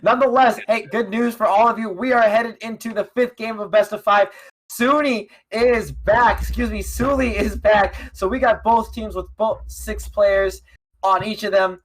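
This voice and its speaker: An esports co-caster with an even, mid-range voice keeps the chatter relaxed between games. The delivery stays easygoing and quick to laugh. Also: medium pitch. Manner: laid-back, laughs easily. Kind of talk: casual live game commentary.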